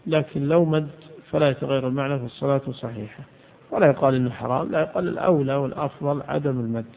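A man's voice: mid-range voice, rapid-fire, vocal fry. A man teaching a religious lesson on jurisprudence, posing questions and answering them himself. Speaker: Islamic scholar teaching jurisprudence. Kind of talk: religious lesson explaining a legal text. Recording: tinny phone-like lo-fi recording.

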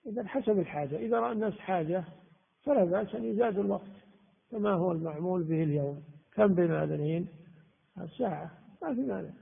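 A man teaching a religious lesson, explaining texts and grammar slowly and repeating key words. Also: sits high, gravelly, husky. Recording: tinny phone-like sound in a reverberant hall.

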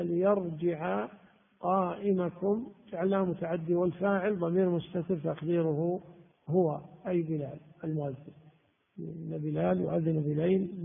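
A man teaching a religious lesson, explaining texts and grammar slowly and repeating key words. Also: a little high, vocal fry, breathy edge. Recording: tinny phone-like sound in a reverberant hall.

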